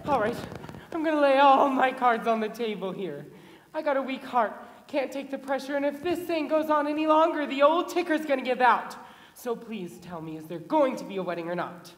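A woman's voice: sits high, expressive, a little fast. A woman playing a brash, frazzled producer. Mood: exasperated. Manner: brash, exasperated. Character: frazzled fast-talking male showbiz producer. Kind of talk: live stage musical acting. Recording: reverberant theatre hall.

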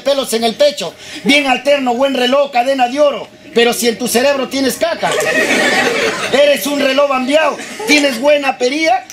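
A man doing crude street comedy in an outdoor plaza, shouting and teasing the audience. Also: extremely high pitch. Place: outdoor plaza with a live crowd. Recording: noisy outdoor crowd recording.

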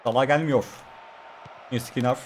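A man streaming himself playing a football video game, calling the players' names in rapid play-by-play with casual swearing. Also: medium pitch, fairly even intonation, slight background noise. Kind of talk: live gameplay commentary.

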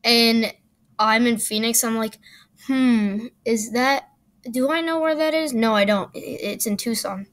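A woman's voice: a little high, a little slow. A woman giving sarcastic, dismissive commentary while reacting to a video.

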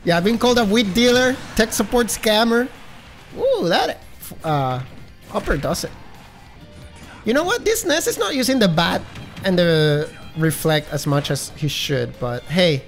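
Excitable streamer man with lively pitch. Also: a little slow, soft background music. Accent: some accent. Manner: excitable, gasping, shouting reactions; swears freely. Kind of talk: live gaming stream commentary.

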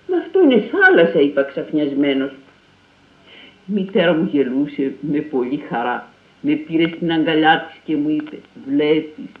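A man calmly reading a first-person literary passage. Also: a little high. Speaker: reader. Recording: tinny phone-like and echoey.

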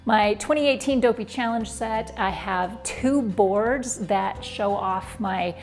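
A woman's voice: mid-range voice, slow pace. Upbeat woman in her forties, chatty vlog host talking to camera on a lapel mic, faint music under her. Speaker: fitness vlogger. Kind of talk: home room tour vlog. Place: basement home gym, indoors.

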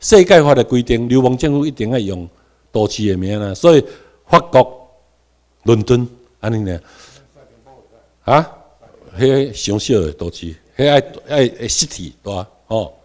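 A middle-aged Taiwanese man giving a classroom lecture, with quiet asides and sudden loud stressed words, having the class repeat terms after him. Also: mid-range voice, animated, normal speed, pauses often.

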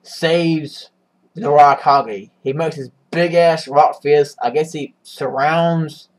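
A man's voice: a little high, slow, rough recording. Rambling, foul-mouthed man recapping a comic. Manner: rambling, swearing, many restarts. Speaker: manga reviewer. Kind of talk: casual profane recap.

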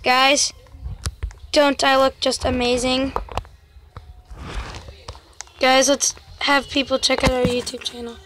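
A young woman hosting a gaming channel commentates her gameplay casually, chatty and constantly calling her viewers "guys." Her high, fairly bright voice barely shifts in pitch and moves slowly with long pauses, over a little hiss or hum.

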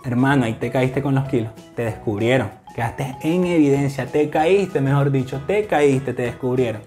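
A man's voice: mid-range voice, moderate pace, darkish tone, faint music behind. A man from Venezuela with a Venezuelan accent, casually explaining slang to the camera in a playful way and acting out examples. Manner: playful, acts out examples in put-on voices, laughs often.

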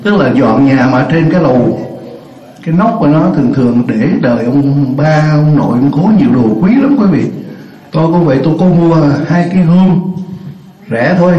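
An older man leads a class, chatty and joking and slowly repeating each word. His voice sits fairly high for a man. It is captured in a roomy classroom on a dull, lo-fi recording. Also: warm tone. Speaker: teacher. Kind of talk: classroom English lesson.

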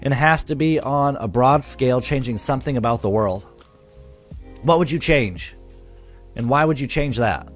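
A man's voice: mid-range voice, normal speed, faint music behind. A man live streaming, chatting casually with his viewers, swearing freely and reading their comments aloud. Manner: loose, profane, reads chat comments aloud.

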